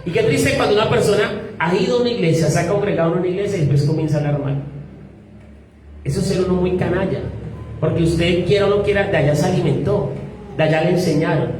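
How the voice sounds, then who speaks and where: A man's voice: high voice, fast talker, a little mellow. Man, pastor, sermon, exhorting, call-and-response questions, heavy hall echo, faint background noise. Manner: asks the congregation fill-in-the-blank questions; direct and exhorting, addresses listeners as "usted". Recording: very echoey hall, mic far off, faint noise.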